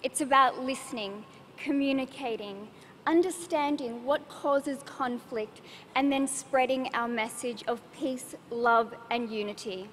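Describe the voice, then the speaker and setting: A woman's voice: high voice, unhurried, fairly bright tone. A woman in her twenties from Australia giving a rehearsed speech as a pageant contestant on stage. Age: 20s. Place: large auditorium stage. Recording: echoing hall, slight noise.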